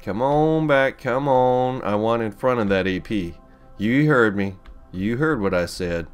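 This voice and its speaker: A man slipping into a put-on American Southern accent as he talks to a drifting spaceship in a folksy, coaxing way, repeating his drawn-out commands. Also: mid-range voice, lively intonation, clean tone, soft background music, natural voice.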